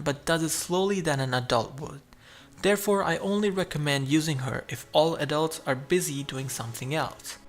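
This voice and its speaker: A man's voice: a little high, a little hiss or hum. A man narrating his own survival game playthrough, chatty and explaining each move as he goes. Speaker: gameplay narrator.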